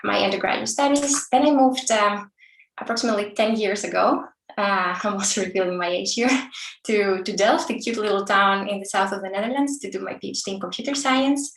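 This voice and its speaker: A woman's voice: medium pitch, a little fast, creaky, a bit bright, slight background noise. Woman from Greece, thirties, technical conference talk, friendly, many fillers, distant mic, roomy echo. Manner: friendly, with frequent fillers and restarts. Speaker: conference speaker.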